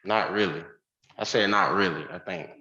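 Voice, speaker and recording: Low-voiced young man on a courtroom recording. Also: sharp tone. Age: 20s. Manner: hesitant, halting answers. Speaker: defendant. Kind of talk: court testimony. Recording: roomy, dull courtroom audio.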